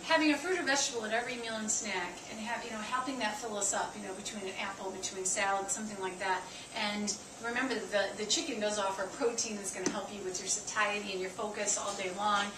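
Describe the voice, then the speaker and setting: A woman dietitian giving a lively nutrition talk to staff, counting aloud and quizzing her listeners. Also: medium pitch, fast talker, hardly any pauses. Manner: chatty, counts aloud and asks the audience questions. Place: staff meeting room. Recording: echoey room, from far off, noisy.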